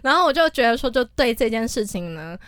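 A young woman, telling a personal story in casual chat as a co-host, expressive and quick to laugh. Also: fairly high pitch, clear, resonant tone, no echo. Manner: animated, expressive storyteller who laughs often.

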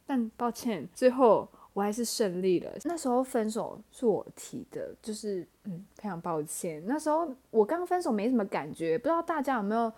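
A young woman, hosting a casual solo podcast and telling stories in a chatty, animated way. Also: on the high side, normal speed, few pauses. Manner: chatty, animated, acts out her own past lines. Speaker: podcast host.

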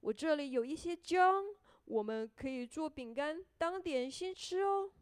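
A woman voicing a cheerful grandmother in a children's story, warm and encouraging. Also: sits high, lively intonation, unhurried, no room sound.

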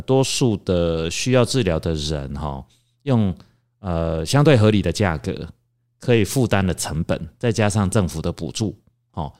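Deep-voiced lawyer explaining slowly. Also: male voice. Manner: measured, explanatory, many drawn-out fillers. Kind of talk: discussion.

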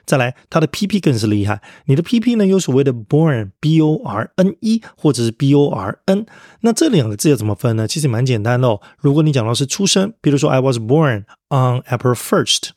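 A man teaching vocabulary on his podcast in a cheerful, encouraging tone, pausing to spell each word out letter by letter. His voice sits at a middling pitch. It is recorded close and dry, with no room sound. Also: very animated, no room sound. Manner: friendly, upbeat, spells words letter by letter, ends phrases with soft particles.

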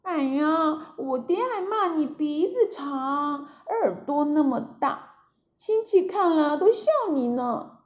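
A woman's voice: sits high, lively intonation, slow pace, darkish tone, pitched above the performer's own voice. A woman voicing a monkey king disguised as a young girl, speaking in a sighing, plaintive way. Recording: echoey, dull lo-fi recording.

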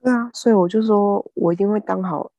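A woman's voice: mid-range voice, a little fast, mellow, no room sound, lo-fi sound. A woman co-hosting a casual chat podcast, often agreeing with short replies. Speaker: podcast co-host.

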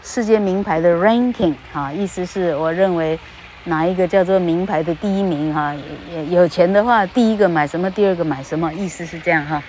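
A woman's voice: lowish voice, fairly quick, darkish tone, slight background noise, rough recording. Chatty woman teaching English pronunciation. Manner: chatty, tags sentences with "哈", drawls example words. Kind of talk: casual podcast lesson. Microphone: podcast microphone.

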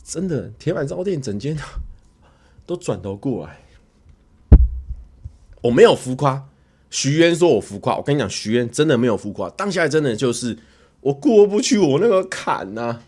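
A man with a Taiwanese Mandarin accent telling a story casually on a livestream, animated and stammering through repeated words as he acts it out. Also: medium pitch. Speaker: livestreamer and YouTuber.

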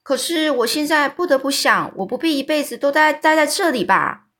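Female storyteller doing a plucky young orphan girl in a storybook, plain-spoken, bright voice. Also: high-pitched, animated, brisk, voice pushed up. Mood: worried.

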